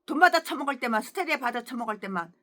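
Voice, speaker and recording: A woman pastor preaching a sermon in a fiery, scolding way, full of crude insults, moving between quiet asides and shouts. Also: sits high, expressive, racing. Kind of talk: expository sermon.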